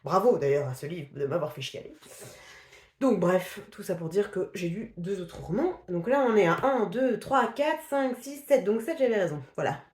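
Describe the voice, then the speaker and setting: A woman's voice: medium pitch, expressive, normal speed, a little mellow, reverberant. A woman casually reviewing the books she has read, talking in a chatty, hesitant way with many fillers, restarts and laughs. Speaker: book vlogger. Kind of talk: casual book review chat.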